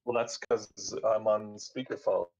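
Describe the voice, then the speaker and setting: A man on a hollow, tunnel-like speakerphone, chatting casually and halting now and then as a friend calling in. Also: lowish voice, steady tone, a little mellow. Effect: hollow, tunnel-like speakerphone sound. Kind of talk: casual chat. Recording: dull speakerphone over voice chat.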